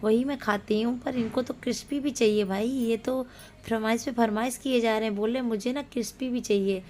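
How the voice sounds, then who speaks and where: A woman's voice: on the high side, steady tone, fairly quick, a little mellow, a little hiss or hum. A woman, a mother of young children, chatting homely and playfully as she cooks in her home kitchen for her cooking channel. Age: adult, a mother of young children. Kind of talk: casual cooking vlog narration.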